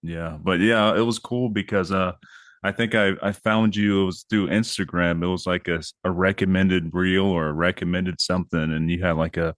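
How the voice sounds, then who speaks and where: A man's voice: low voice, steady tone, moderate pace, fairly bright tone, dry recording, clean studio sound. A man hosting a horror podcast, talking in a laid-back, rambling way with plenty of fillers and casual swearing. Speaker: podcast host.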